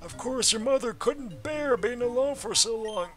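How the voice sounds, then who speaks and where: A man's voice: very high-pitched, animated, normal speed, pitched above the performer's own voice. A man voicing a rambling elderly male professor who talks through his dentures, in a quavering, long-winded way, over game music. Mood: gossiping.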